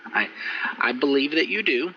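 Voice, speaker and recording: A man recapping last session as game master, relaxed and rambling with fillers, over muffled voice chat audio. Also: fairly high pitch, moderate pace, slight background noise. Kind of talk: recapping and running a tabletop game.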